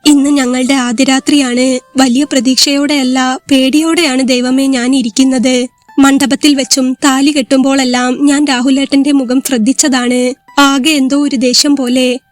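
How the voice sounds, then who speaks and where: A woman's voice: high-pitched, little pitch movement, normal speed, no echo, soft background music, lightly acted. A woman voicing an anxious young bride who pleads in prayer, in a storybook reading. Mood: pleading. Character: frightened young bride praying.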